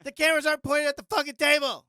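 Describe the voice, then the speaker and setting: A man hosting a podcast in a basement studio, trading sardonic, deadpan jokes in casual banter. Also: very high-pitched, racing, no echo. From Minnesota, USA. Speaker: podcast host.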